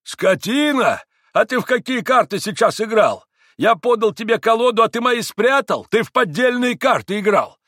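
A man's voice: high voice, expressive, normal speed, fairly bright tone, dry recording, clean studio sound, voice pushed up. A man reading an audiobook, voicing a shrewd old innkeeper who scolds bluntly. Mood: scornful accusing.

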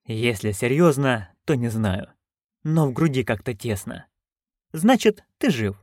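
A man voicing a wry court fool in an audiobook, husky, quiet and murmuring. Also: medium pitch, big pitch swings, measured pace, dry recording, clean studio sound. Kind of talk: audiobook reading.

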